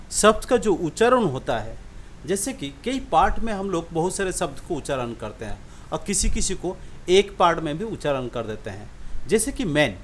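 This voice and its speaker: A man teaching an English lesson, sounding out example words slowly and often asking the listener if it is clear. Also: fairly high pitch, a little hiss or hum. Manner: repeats example words slowly, checks understanding with questions. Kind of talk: classroom-style lesson explaining syllables.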